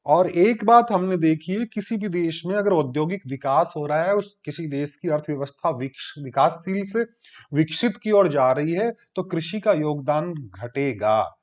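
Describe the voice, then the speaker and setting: A man's voice: a little high, expressive, measured pace, darkish tone. Man teaching, quizzing his class. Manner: explains step by step, asks and answers his own questions. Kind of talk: classroom lecture. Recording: dull lo-fi recording.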